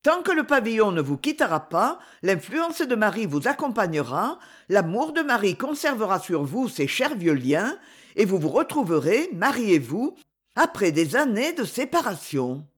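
A woman's voice: medium pitch, big pitch swings, normal speed, breathy edge. An intense, eccentric lady who pleads with fervour and lets her voice rise and fall freely, as a woman reads her part aloud. She speaks in an audiobook character voice. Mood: grave. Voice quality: fervent, pleading delivery.

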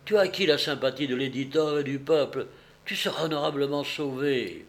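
A man reading aloud and voicing a seasoned Roman gladiator speaking low and steady. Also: a little fast, lightly acted. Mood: firm.

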